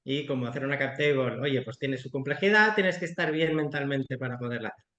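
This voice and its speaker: A man's voice: mid-range voice, fairly quick, reverberant, muffled recording. A man, an investor explaining startup equity frankly and colloquially on a video call. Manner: frank, colloquial, animated explanations with quoted asides. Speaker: startup investor and guest expert. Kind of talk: explanatory webinar talk.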